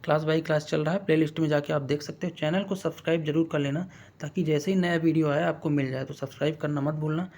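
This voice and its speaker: Gravelly-voiced man teaching a casual exam lesson. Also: a little high, steady tone, darkish tone. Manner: quizzing, stretches out words slowly to spell them. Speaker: online exam-prep teacher.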